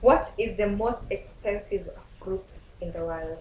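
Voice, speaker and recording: A woman's voice: medium pitch, measured pace, darkish tone. Kenyan woman cohost, swahili english mix, giggly, echoey room. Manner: laughing, mixes English and Swahili. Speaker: co-host. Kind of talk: casual quiz chat. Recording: roomy studio with faint noise.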